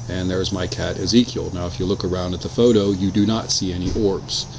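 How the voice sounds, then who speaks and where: Very deep-voiced man narrating casually, noisy recording. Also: brisk. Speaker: narrator of own photo slideshow video. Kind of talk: casual unscripted narration of photos. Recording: clearly noisy home recording, steady hum.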